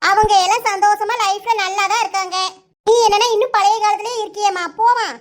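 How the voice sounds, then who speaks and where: A sharp-tongued young daughter. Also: female voice, very high voice, steady tone. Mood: arguing. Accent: Kanyakumari Tamil. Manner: argumentative, quick retorts. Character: outspoken young married daughter, modern-minded.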